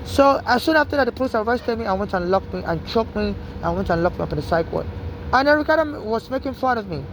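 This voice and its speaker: A Nigerian woman with a mixed Nigerian-American accent rambles urgently in a street monologue packed with restarts and "you know." Her voice is fairly high and lively, she talks fast, and there's background noise.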